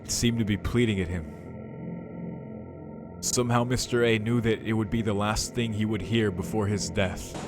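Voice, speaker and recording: On a playthrough stream, a man performs a visual novel's text dramatically and chimes in with easygoing, slangy remarks. His voice is on the low side, with a steady tone and moderate pace, over game music.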